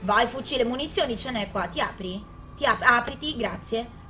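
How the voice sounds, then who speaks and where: A woman hosting her gaming channel, giving chatty let's play commentary, talking to the game character and quickly getting alarmed with frequent restarts. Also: fairly high pitch, lively intonation, sharp tone, faint music behind, rough recording.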